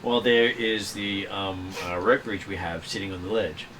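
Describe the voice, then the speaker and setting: A man's voice: on the low side, fairly even intonation, normal speed. A man running a tabletop role-playing game as game master, explaining things in a hesitant way. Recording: faint room hum and noise.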